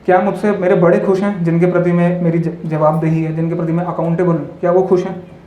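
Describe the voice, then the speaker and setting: This monk's high, dark-toned voice stays level and quick as he delivers a spiritual talk in a hall full of listeners. The echoey space has faint ambience. He shares parables and stories, mixes in English, and keeps tossing tag questions to the audience.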